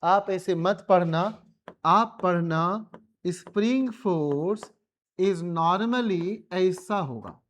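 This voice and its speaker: A man's voice: high voice, extremely slow, a little hiss or hum. A male physics teacher with an Indian accent, giving a colloquial classroom revision lecture and pressing his students with repeated questions.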